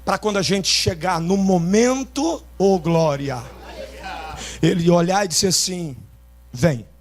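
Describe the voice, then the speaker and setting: A Carioca-accented pastor delivers a revival sermon at an outdoor rooftop church service, alternating loud, forceful shouting with quieter asides. His voice sits high, and he keeps a measured pace.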